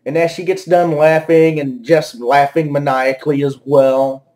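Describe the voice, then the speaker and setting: A man rants through a wrestling show review, exasperated and swearing freely. His voice sits high for a man, and the sarcasm comes through. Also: level tone, a little slow, a little mellow. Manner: exasperated and profane. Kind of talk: angry ranting commentary.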